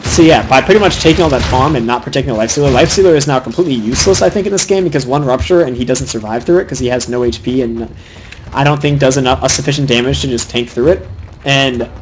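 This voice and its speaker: A young man giving fast, opinionated solo commentary on a video game match, critiquing the players' item choices. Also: mid-range voice, slight background noise, low-quality recording. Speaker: game caster.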